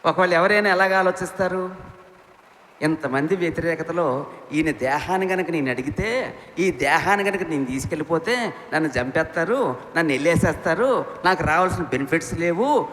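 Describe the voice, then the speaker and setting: A man preaching a sermon with passion, firing rhetorical questions and swinging between loud appeals and quiet, low lines. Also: slight background noise. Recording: echoey hall with faint ambience.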